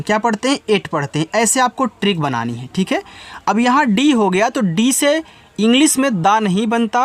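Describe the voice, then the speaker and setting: A man giving a slow reading lesson, spelling each word letter by letter and repeating its meaning. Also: high voice. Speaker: English tutor.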